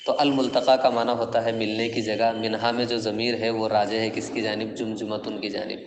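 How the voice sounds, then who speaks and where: A man's voice: lowish voice, flat delivery, crowd noise. A man teaching classical Arabic poetry in Urdu to a class, explaining each verse step by step and quizzing his students with questions. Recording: echoey classroom with long reverb.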